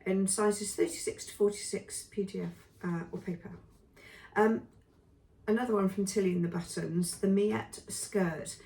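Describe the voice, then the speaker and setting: A woman reviewing sewing patterns in a chatty, casual way with lots of ums, her voice going hoarse. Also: mid-range voice, steady tone, moderate pace, dark tone, roomy sound, recorded from a distance. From England. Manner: chatty, many ums and trailing lists. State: losing her voice. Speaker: sewing vlogger.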